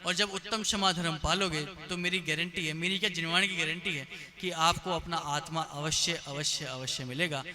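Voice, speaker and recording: A man giving a storytelling sermon as a pandit, acting out characters with sudden rises in pitch and loudness, recorded live in a temple hall. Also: fairly even intonation, normal speed.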